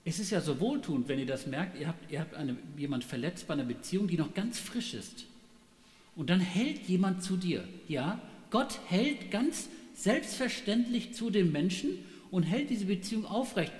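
A middle-aged man preaching a sermon, animated, asking rhetorical questions and checking with his listeners. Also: sits high, normal speed. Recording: echoey hall, long reverb.

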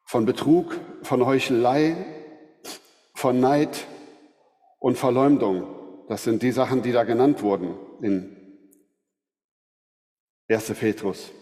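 A man giving a sermon, earnest and measured, asking rhetorical questions. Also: mid-range voice, dark tone. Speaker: preacher. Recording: long hall reverb.

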